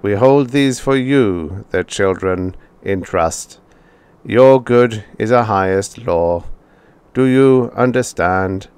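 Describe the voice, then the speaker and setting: A male narrator gives voice to a machine teacher who speaks instructively in a flat, metallic, unfeeling tone. The delivery is slow, low, even and carefully measured, and the sound is clean with no echo.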